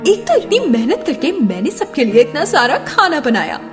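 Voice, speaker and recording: A woman voicing a haughty, hot-tempered rich young daughter-in-law in an animated story, brash, boastful and argumentative. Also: high voice, normal speed. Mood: indignant. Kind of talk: Hindi animated moral-story acting. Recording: long reverb, loud background music.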